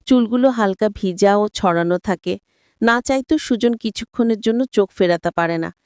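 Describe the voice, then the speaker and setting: A woman's voice: mid-range voice, moderate pace, clear, resonant tone, dry recording, clean studio sound. A woman narrating a first-person story and addressing her listeners directly.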